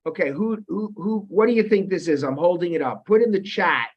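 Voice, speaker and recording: A man's voice: high-pitched, fairly quick. A man in his fifties moderating an online webinar, talking casually with many restarts and quizzing his audience. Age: 50s. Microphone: video call. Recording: muffled lo-fi video call audio.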